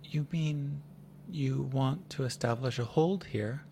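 A man's voice: mid-range voice, slow, warm tone, slight background noise. A man playing the wary leader of a people who bargains hard, stammering and restarting as he negotiates. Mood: bargaining.

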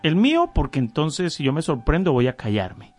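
A man's voice: on the high side, wildly swooping pitch, normal speed, a little mellow, soft background music. A man hosting a faith interview, reflective and encouraging as he asks questions. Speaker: host.

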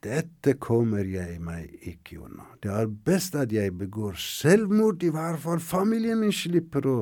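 A man with an Iranian accent voicing a desperate young debtor who speaks low and quietly in despair. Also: very animated, no echo, studio quality.

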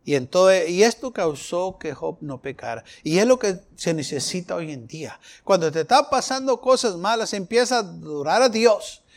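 Male preacher, high pitched, fervent delivery, acts out quoted prayers. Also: animated, normal speed, gravelly, few pauses. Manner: impassioned preaching, voicing prayers and quoted complaints. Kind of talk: sermon.

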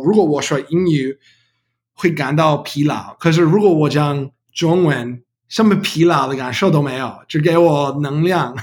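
A man with a somewhat high voice talks casually in Mandarin as a foreign learner. His first language is English, so his speech carries a foreign accent and non-native phrasing. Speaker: podcast participant, Mandarin learner. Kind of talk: casual conversational talk.

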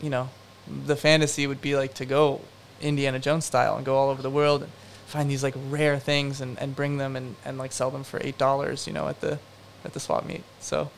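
A man's voice: medium pitch, flat delivery, a little fast, creaky, hardly any pauses, a little hiss or hum. A young man, a production designer, answering interview questions in a rambling, casual way full of fillers and self-deprecating asides.

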